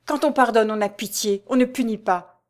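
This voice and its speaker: A woman's voice: fairly high pitch, moderate pace, close to an everyday voice. A woman voicing a passionate, desperate young nobleman in an audiobook, pleading and exclaiming in a raised, urgent voice. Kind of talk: audiobook character voice.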